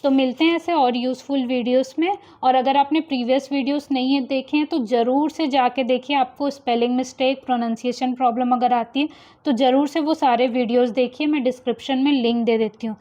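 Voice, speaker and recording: High-voiced woman teaching pronunciation. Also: steady tone, mellow. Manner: repeats example words slowly, contrasting wrong and right pronunciations. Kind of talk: phonics lesson explaining pronunciation rules. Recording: slightly dull lo-fi sound.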